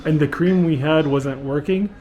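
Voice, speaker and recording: A man co-hosting a travel vlog, calmly explaining what is going on. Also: a little high, normal speed, lo-fi sound. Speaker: vlog co-host. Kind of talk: casual vlog narration. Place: outdoors on city streets.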